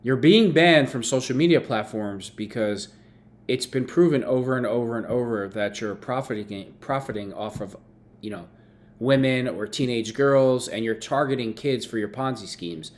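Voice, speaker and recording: A man with an average-pitched voice reacts off the cuff. He sounds scornful and mocking, and he stresses his points emphatically. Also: normal speed. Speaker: commentator reacting to a video. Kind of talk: unscripted reaction commentary.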